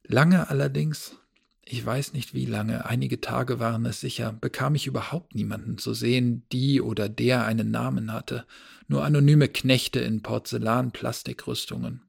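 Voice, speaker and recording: A man reading a novel aloud as a first-person narrator, in a measured, low-key storytelling manner. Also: fairly even intonation, vocal fry, breathy edge. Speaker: audiobook narrator.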